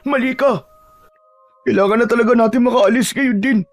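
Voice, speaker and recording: A man doing a cocky young tribesman, high-voiced. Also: fairly even intonation, fairly quick. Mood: urgent. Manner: bossy and scornful.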